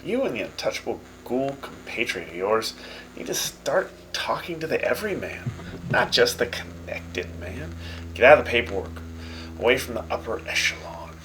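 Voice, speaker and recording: A man performs a cocky, opinionated radio host for a fan radio drama, teasing guests and making lively, swaggering jokes and speeches over background music. His mid-range voice moves at normal speed, but the audio is poor, with slight background noise.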